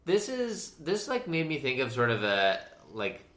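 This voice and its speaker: A man's voice: mid-range voice, unhurried. A man co-hosting a casual chat podcast, thinking aloud with many fillers. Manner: thoughtful, filler-heavy, lively. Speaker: podcast co-host. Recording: echoey room.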